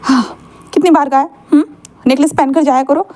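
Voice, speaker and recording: A woman's voice: high voice, fairly even intonation, a little fast, a little mellow, natural voice. A woman voicing an elderly grandmother who scolds mildly and lovingly. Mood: scolding.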